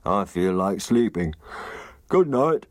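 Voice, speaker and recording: A man voicing a gruff, chatty male snowman in a storybook reading. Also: lowish voice, sing-song, takes it slowly, dry recording, studio quality, pitched above the performer's own voice. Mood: sleepy. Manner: loud, friendly, fussing.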